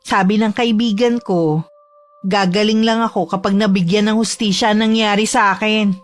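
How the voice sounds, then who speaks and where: A woman voicing a troubled young older sister who speaks calmly and cryptically. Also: mid-range voice, normal speed, soft background music, natural voice. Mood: eerie calm. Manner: calm, cryptic and distant.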